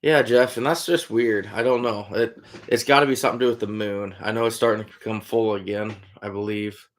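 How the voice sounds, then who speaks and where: Laid-back Midwestern man, lowish voice. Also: fairly even intonation, a little fast. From Iowa, USA. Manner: laid-back, calls chatters "buddy", trails off with "I don't know". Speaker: trapper hosting a live stream. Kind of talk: casual live-stream chat answering viewers.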